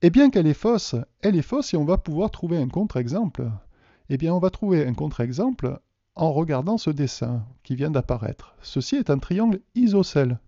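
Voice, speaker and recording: A man's voice: on the high side, big pitch swings, moderate pace, warm tone, dry recording. A man from France teaching a math lesson in a video, explaining patiently and putting questions to the viewers. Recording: dull, dry lo-fi voice recording.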